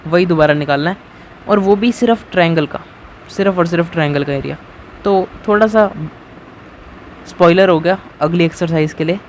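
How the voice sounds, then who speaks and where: In a screen-recorded math lesson, a young man with a high, darkish voice teaches in a relaxed, talkative way, regularly checking in with students and saying "theek hai" often. Faint background noise is present.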